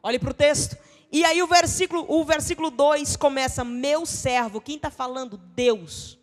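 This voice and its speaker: A high-pitched woman with a Brazilian accent preaches a dramatic sermon, swinging between shouts and hushed tones. She acts out the quoted dialogue as she goes. Her voice rings with the long reverb of a church hall. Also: unhurried. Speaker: pastor, missionary preacher.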